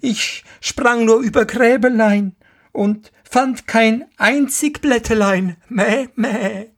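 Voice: medium pitch, takes it slowly, voice pushed up. A storyteller voicing a spiteful, lying female goat who answers in sing-song rhymes and bleats. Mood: bleating.

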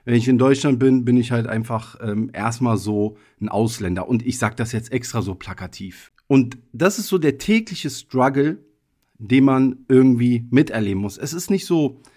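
A man's voice: mid-range voice, a little mellow. A man in his thirties who grew up in Germany, hosting his own podcast in a casual, reflective monologue with loose wording and many hedging fillers. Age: 30s. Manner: thoughtful, personal, loose with frequent hedging fillers. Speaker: podcast host.

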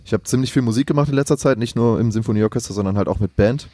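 A young male podcast co-host chats casually, telling rambling stories in slangy speech. His medium-pitched voice is warm and racing, with no room sound.

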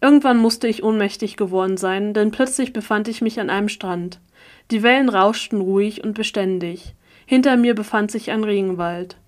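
A woman's voice: mid-range voice, moderate pace. Woman narrating a story audiobook. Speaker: audiobook reader. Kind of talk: first-person story narration.

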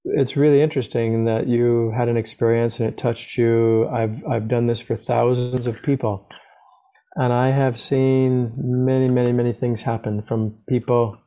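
A man who works as a sound healer, answering interview questions in a calm, earnest storytelling way and repeating words for emphasis. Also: mid-range voice, low-quality recording.

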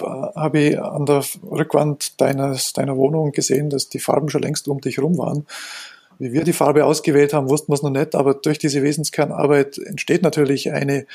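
A man with a gravelly, slightly husky voice speaks as a podcast guest. He explains his design work in a measured, reflective way, building his points slowly. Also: a little high, darkish tone. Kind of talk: podcast interview answers.

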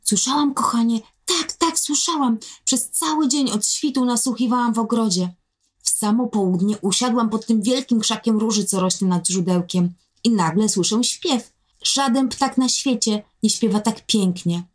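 Woman doing an old nanny, gentle, affectionate, timid, storybook telling. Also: a little high, moderate pace, pitched above the performer's own voice, close to an everyday voice. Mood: tender. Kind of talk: storybook narration.

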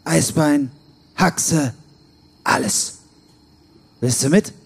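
A man's voice: a little high, very slow, vocal fry, slightly rough, full character voice. A man playing a blunt, coarse cellmate. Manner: blunt, matter-of-fact. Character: hungry, blunt male cellmate, coarse and practical. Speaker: prisoner.

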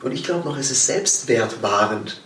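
A man talking about his trade in an easy, lively way, acting out little scenes as he goes. He sounds somewhat away from the microphone, and the room gives his voice a noticeable echo. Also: medium pitch, moderate pace, far from the mic, slight background noise. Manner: lively, explains with acted-out examples. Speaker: sales trainer. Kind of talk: casual podcast conversation.

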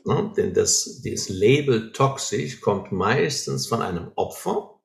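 An earnest man talks through his ideas as if teaching, with a fairly low voice. He keeps checking in with short questions to make sure the listener follows. The sound is roomy, with a clear echo around him. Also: expressive, slow pace. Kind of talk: explaining, teaching conversation.

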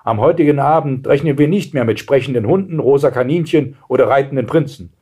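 A man voicing a sinister male masseur with a metallic-sounding, calm and mocking voice, in a storybook reading. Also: mid-range voice, brisk, breathy edge, pitched above the performer's own voice, natural voice.

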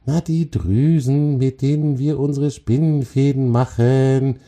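A tiny, high, squeaky female spider from a spoken children's story, as a male narrator puts her on. She scolds and grumbles with little patience. The voice stays soft and mellow underneath. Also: animated, measured pace. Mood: impatient. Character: tiny cross female forest spider, impatient.

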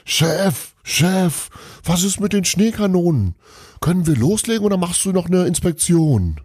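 Urgent storybook elves, a man voicing them, high and husky. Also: lively intonation, measured pace, darkish tone, studio quality, full character voice. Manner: urgent calling across a hall. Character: bustling Christmas elves shouting for the boss.

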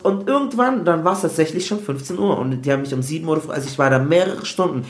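Guy telling a story all animated, slightly high voice, roomy echo. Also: fast. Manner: animated, mixes in English words. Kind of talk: casual storytelling in a podcast chat.

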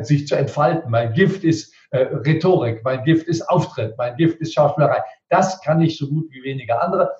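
A man's voice: fairly high pitch, a little mellow. A man who works as a speaker and rhetoric coach, giving emphatic advice in an interview and hammering his points home through repetition. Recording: roomy, distant, dull sound.

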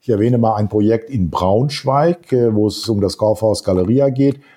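Halting, low-voiced man with a warm tone. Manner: hesitant, many fillers, long winding sentences. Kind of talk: casual discussion.

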